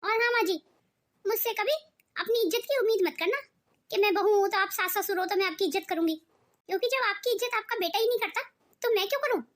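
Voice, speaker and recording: A woman's voice: very high-pitched, fast talker. A woman voicing a bossy, scheming young daughter-in-law in a cartoon, talking down with taunts and orders. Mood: gloating. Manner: taunting, commanding. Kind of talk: cartoon voice acting.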